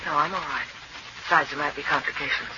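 A woman's voice: sits low, quick pace, natural voice. A noisy, muffled vintage radio recording. A woman plays a composed, concerned wife in 1940s drama style. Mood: controlled, subdued. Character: composed, concerned wife of a hot-tempered man.

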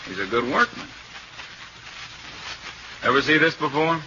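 An actor playing a blunt, suspicious small-town police detective who questions in a clipped, tough beat-cop manner, in 1940s radio crime drama style. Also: male voice, medium pitch, lively intonation, unhurried, lightly acted. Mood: probing, stern. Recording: muffled, noisy old radio recording.

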